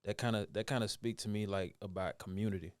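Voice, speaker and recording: A man's voice: fairly low pitch, steady tone, fast, no echo, studio quality. A man in his thirties interviewing an artist in a laid-back, rambling way, full of slang. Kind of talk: casual interview.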